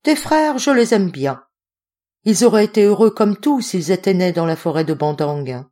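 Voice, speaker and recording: A woman voicing a proud, gruff male ape-man of the forest in an audiobook reading. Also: mid-range voice, animated, normal speed, warm tone, lightly acted. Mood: scornful. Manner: gruff and scornful.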